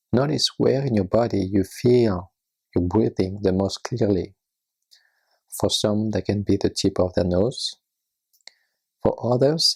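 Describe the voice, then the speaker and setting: This low-pitched meditation guide, whose voice is husky, breathy and creaky, narrates a guided practice in a gentle, soothing and unhurried way.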